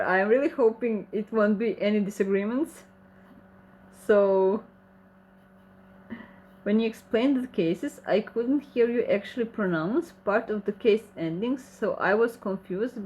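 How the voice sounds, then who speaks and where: With a mid-range, slightly mellow voice and a measured pace, a woman hosts a casual livestream Q&A over a rough recording. Croatian is her native language and her accent shows as she reads viewer comments aloud and answers them in friendly, slightly broken English.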